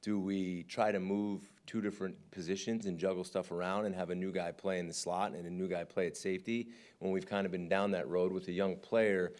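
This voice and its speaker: Male defensive coordinator, very deep voice, frank press-conference talker. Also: flat delivery, a little fast, few pauses, a little mellow. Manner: candid, conversational, often asks "right?".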